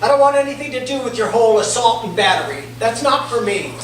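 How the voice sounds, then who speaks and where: A woman playing a blunt, plain-spoken patient in a staged play, talking in a halting, colloquial way. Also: on the high side, animated, natural voice. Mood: anxious, blunt. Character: blunt, plain-spoken cancer patient, parent of grown daughter. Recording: very echoey room, distant mic, clear noise.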